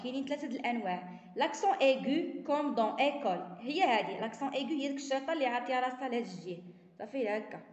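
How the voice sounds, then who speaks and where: Moroccan woman teaching slowly, echoey room. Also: high voice, darkish tone, highs cut off. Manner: reads French sentences slowly, then explains them quickly in Darija. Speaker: primary school teacher. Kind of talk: explaining a French lesson, switching between French and Moroccan Arabic.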